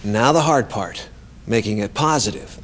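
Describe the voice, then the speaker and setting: A man's voice: lowish voice, lively intonation, moderate pace, fairly bright tone. A man presenting a workplace coaching lesson in a conversational, emphatic scripted narration.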